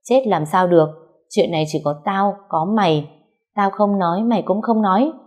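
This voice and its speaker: A woman's voice: medium pitch, moderate pace, darkish tone, lightly acted. A woman voicing a brash, bossy young woman friend who scolds bluntly.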